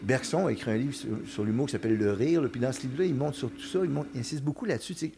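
A man's voice: medium pitch, very fast, creaky, noisy background. An older man, talking casually as a podcast guest, explaining ideas with frequent restarts and checks like "you understand?". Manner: explanatory, many restarts and "tu comprends". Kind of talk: casual conversation.

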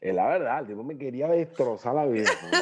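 A man's voice: medium pitch, fast talker, dull audio, background noise. A young adult man with a Venezuelan accent, telling stories as an interview guest and acting out the voices of people in them. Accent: Venezuelan Spanish. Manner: animated, acts out quoted voices, slangy. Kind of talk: casual storytelling interview.

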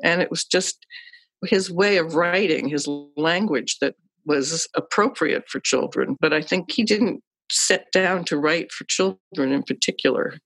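A woman's voice: low-pitched, measured pace, fairly bright tone, breathy edge, no room sound. A woman interviewee talking reflectively, thoughtful and a little hesitant.

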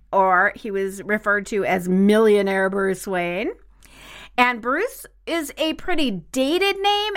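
A woman in her sixties chats on a podcast, her fairly high voice bright and ringing. Her pitch swings widely as she talks, and she laughs easily. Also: clean tone. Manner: enthusiastic, laughs often. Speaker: podcast co-host. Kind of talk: casual chat.

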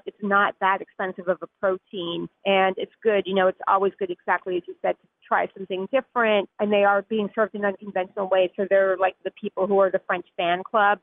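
A woman's voice: mid-range voice, no echo. A woman food editor talking as a guest in a radio interview, chatty, with frequent laughs and many "like"s. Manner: chatty, laughs easily, uses "like" often. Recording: tinny phone line.

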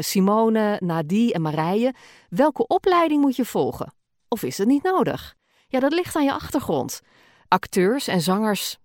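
A woman's voice: mid-range voice, no room sound, studio quality. A podcast host and voice-over artist, a woman with a Gooise R, talking casually with frequent fillers as she answers listener questions. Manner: chatty, many fillers, occasional laughs.

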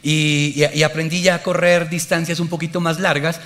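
A man's voice: fairly high pitch, level tone, moderate pace, fairly bright tone. A man preaching a sermon, telling a personal story with animation and speaking directly to the congregation.

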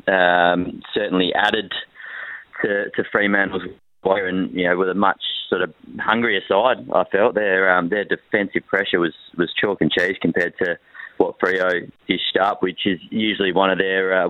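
A very deep-voiced man calls in as a sports reporter and breaks down the game plainly, with a lot of hesitation. His voice comes through a crackly phone line that drops in and out, tinny and thin, with no room sound at all. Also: dry recording. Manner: frank, measured, with many hesitations. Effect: crackly phone line that cuts in and out. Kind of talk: phone-in football analysis.

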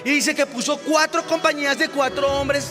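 A man preaching a sermon as a pastor, telling a personal story with animated delivery that rises to shouted exclamations. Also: very high voice, moderate pace, in a large hall, music in the background.

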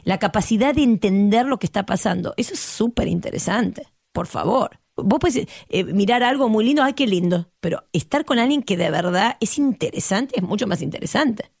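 A woman speaking with an Argentine Spanish accent, a guest therapist in a podcast conversation who talks emphatically and passionately and acts out quotes with a lively voice. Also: medium pitch, fairly quick, gravelly, hardly any pauses, slightly rough, no echo, clean studio sound.

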